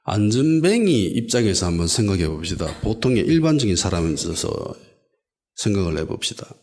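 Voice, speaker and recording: A man preaching a sermon as pastor, asking the congregation rhetorical questions and swinging between loud calls and quiet asides. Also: lowish voice, very animated, fairly quick. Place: church sanctuary.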